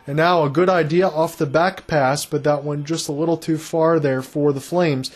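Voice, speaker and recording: A man's voice: fairly high pitch, fairly even intonation, moderate pace. A man giving live hockey play-by-play commentary, with chatty, conversational asides to his listeners.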